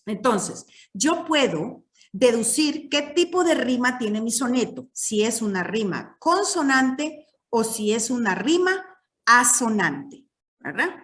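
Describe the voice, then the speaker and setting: A woman's voice: a little high, sing-song, slow, fairly bright tone, recorded from a distance. A woman teaching a literature class, explaining patiently and checking in with her students often.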